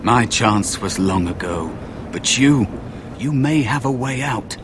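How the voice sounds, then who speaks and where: An actor playing a wary, sorrowful spirit of a lost young apprentice in a fantasy video game, hesitant and cautionary. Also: male voice, medium pitch, lively intonation, takes it slowly, heavy background noise.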